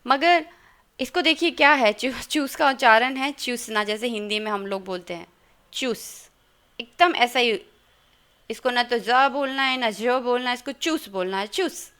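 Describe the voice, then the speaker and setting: Teaching German online, this woman takes her time spelling out letters, switching between Hindi and English as she explains. She speaks at a moderate pace, her fairly high voice sharp, clear and resonant, and her pronunciation is patient and precise.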